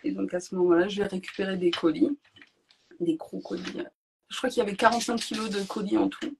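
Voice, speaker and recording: A woman guest on a podcast, telling her own story in a lively, emotional way and often laughing between phrases. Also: medium pitch, a little fast, gravelly, a little hiss or hum. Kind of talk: personal storytelling.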